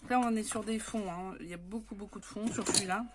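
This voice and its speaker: A woman's voice: mid-range voice, steady tone, fast talker, heavy background noise. A woman from France chatting casually as she shows off craft papers, with many hesitant fillers. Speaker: scrapbooking vlogger.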